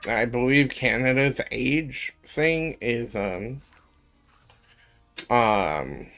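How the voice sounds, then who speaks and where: A man in his twenties chatting casually on a live stream, rambling with lots of ums and pauses. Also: medium pitch, animated, fairly bright tone, soft background music. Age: 20s.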